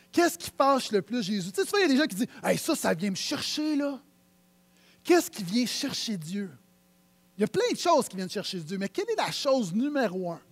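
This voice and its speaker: A male pastor with a Quebec French accent preaches a sermon to his church. His voice sits high. He moves from loud, emphatic proclamation to low, confiding asides.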